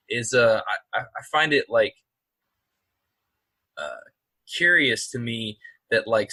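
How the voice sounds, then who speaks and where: A man's voice: medium pitch, bright, forceful tone, slightly rough, dry recording. A man co-hosting a podcast, chatting casually and rambling with frequent restarts and fillers. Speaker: podcast co-host. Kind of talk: casual chat.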